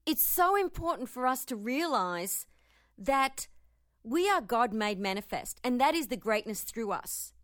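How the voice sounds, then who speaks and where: Earnest woman with a higher voice. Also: a bit bright, no echo, studio quality. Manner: earnest and emphatic. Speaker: spiritual teacher. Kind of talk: reading a spiritual text aloud with commentary.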